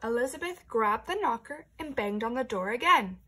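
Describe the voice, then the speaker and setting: Her voice a little high and animated, with a breathy edge, the teacher reads a picture book aloud at a moderate pace. She tells the story to young children with expression, occasionally hushing into whispers.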